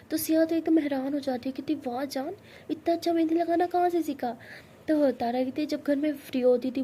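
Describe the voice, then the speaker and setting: A woman's voice: mellow, a little hiss or hum. A woman telling a love story in a casual spoken way, acting out the characters' lines herself. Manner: acts out both girls' lines with rising pitch and force.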